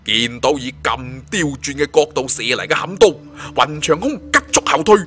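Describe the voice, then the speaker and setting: An audiobook narrator with a Hong Kong Cantonese accent tells a suspense fantasy novel in a dramatic, scripted style. His voice sits at medium pitch, expressive and sharp, moving at a moderate pace while faint music plays behind him.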